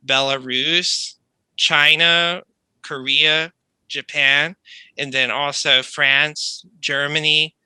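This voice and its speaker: An American man, an accent coach, explaining things in a measured, polite conversational way. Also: mid-range voice, pushed and bright, clear, resonant tone, dry recording, rough recording. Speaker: accent coach, online tutor.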